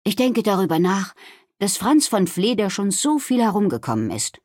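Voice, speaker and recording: A woman's voice: medium pitch, big pitch swings, normal speed, a little mellow, slightly rough, no echo, studio quality. A woman voicing an adventurous, stubborn female wild boar who speaks with plain determination. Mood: determined. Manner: determined, matter-of-fact.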